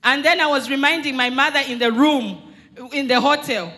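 A woman's voice: high-pitched, normal speed, sharp tone. A young woman from Zambia giving an earnest, emphatic church testimony into a handheld mic in a large hall. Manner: earnest, emphatic, retelling dialogue.

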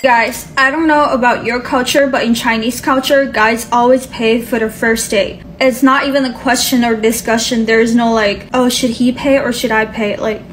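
Direct, bright young woman in a clip. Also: fairly high pitch, fairly even intonation, normal speed, few pauses, a little hiss or hum, poor audio. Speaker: social media creator. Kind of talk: casual phone video clip.

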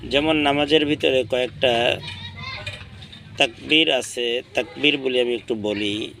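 A man teaching correct prayer recitation in a slow, deliberate way, drawing out the chanted Arabic phrases. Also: mid-range voice, gravelly, crowd noise. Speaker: religious teacher. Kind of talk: instructional talk on prayer recitation.

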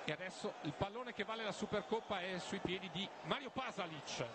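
A man's voice: sits high, fairly quick. A man doing live television football commentary. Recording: loud noisy stadium broadcast.

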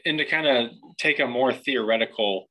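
A man speaking as a panelist physician, giving measured, explanatory commentary. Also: mid-range voice, pushed and bright, low-quality recording. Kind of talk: expert commentary.

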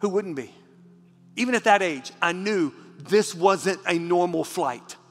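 A man's voice: high-pitched, measured pace. Passionate male pastor preaching in a hall. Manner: passionate, repeats words when moved, drops to a hush for the story. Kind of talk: sermon. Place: church sanctuary. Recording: church hall with reverb and faint music.

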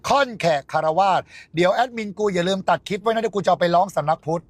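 A man's voice: high voice, fast, no echo. A man on a livestream, ranting in a coarse, taunting and mocking way. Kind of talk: angry livestream rant.

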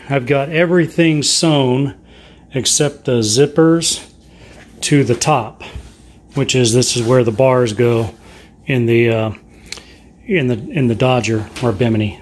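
Cutting and sewing canvas in his kitchen and living room, a middle-aged man who hosts a sailing channel casually explains each step and speaks frankly about his troubles. His mid-range voice is a little mellow, his manner plainspoken as he talks through the hands-on work, and there's slight background noise.

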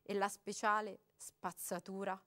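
A woman giving an expressive, dramatic reading of a short story aloud. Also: medium pitch, measured pace. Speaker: reader.

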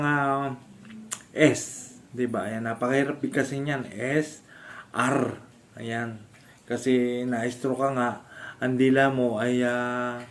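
A man from the Philippines, a stroke survivor, casually demonstrating home exercises with halting speech, frequent fillers and restarts, and often laughing as he explains. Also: medium pitch. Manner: polite, addresses viewers respectfully. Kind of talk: casual instructional vlog.

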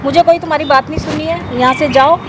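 A woman's voice: sits high, fairly even intonation, quick pace, noisy background. A middle-aged woman sitting outdoors in a park, scolding and brushing someone off. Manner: scolding and dismissive. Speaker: prank target. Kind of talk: heated street argument.

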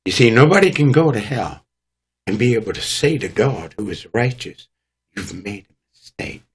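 A man's voice: mid-range voice, animated, normal speed, breathy edge. A man, a guest preacher, telling his testimony in an emphatic, dramatic preaching manner. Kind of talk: testimony storytelling.

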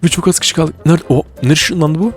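A man giving excitable live gameplay commentary, reacting with quick exclamations and urgent repeated words. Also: a little high, soft background music. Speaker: gaming video creator.

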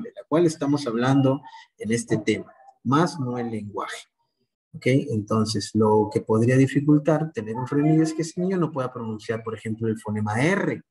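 Peruvian man explaining calmly to parents. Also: medium pitch, rough recording. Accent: Peruvian Spanish. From Peru. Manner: explains patiently, uses diminutives, checks in with rhetorical questions. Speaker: speech therapist. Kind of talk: informative talk to parents.

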